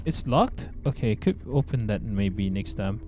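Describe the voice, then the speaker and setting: Male horror game streamer, Bruneian Malay accent, scared and jumpy, very animated delivery, noisy mic. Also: on the low side, a little slow. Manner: jumpy, scared reactions, repeats himself. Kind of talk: casual live game commentary. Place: small indoor room with webcam.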